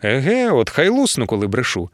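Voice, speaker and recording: A man's voice: mid-range voice, huge pitch swings, a little fast, dry recording, clean studio sound. A man voicing a genial, good-humored round adventurer in an audiobook. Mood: dreamy.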